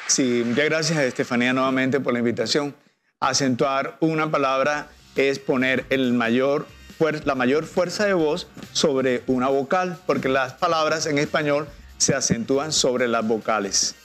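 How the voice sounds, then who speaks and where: A man's voice: medium pitch, a little slow, fairly bright tone, soft background music. A man with a Colombian Spanish accent, a teacher guest explaining in a patient, didactic way and drawing out example words. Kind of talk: explanatory TV interview.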